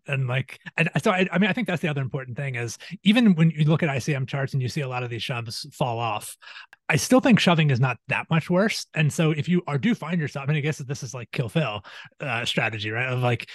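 A man's voice: mid-range voice, quick pace, no room sound. A man hosting a podcast, talking through strategy analytically with many fillers and restarts. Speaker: podcast host. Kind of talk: casual strategy discussion.

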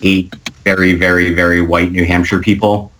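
Man, very low voice, relaxed casual talker, light clicking noise behind. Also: normal speed. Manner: relaxed, a few fillers. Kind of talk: casual chat.

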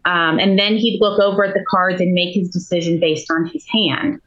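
A woman's voice: on the low side, steady tone, moderate pace, a bit bright, muffled recording. A woman poker player on a podcast, explaining earnestly with hesitant restarts and "um"s. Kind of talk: podcast conversation.

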